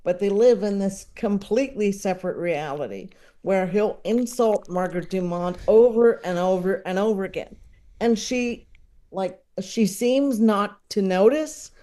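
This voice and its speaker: As a guest on a podcast, a comedy enthusiast with a high, warm voice speaks unhurriedly in a casual, opinionated film chat. He analyzes what he loves, often pausing and hesitating as he thinks out loud.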